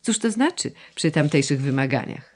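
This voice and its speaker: A woman's voice: low-pitched, normal speed. A woman reading as a curt, cold young landowner. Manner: curt, flat and unmoved. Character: terse, cold landowner son, young man. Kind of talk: audiobook dialogue reading.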